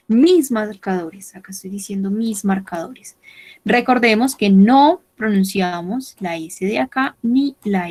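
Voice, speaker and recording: A woman gives an online French lesson in a slow, unhurried voice. She repeats every word two or three times and spells out the pronunciation carefully, like a patient teacher. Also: mid-range voice, darkish tone, low-quality recording.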